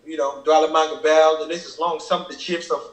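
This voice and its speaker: This Cameroonian rapper, a native Kenyang speaker, breaks down his bars quickly in a level, rather high voice. Earnest and long-winded, he keeps tossing in "you feel me" during a laid-back reaction chat recorded in an echoey room.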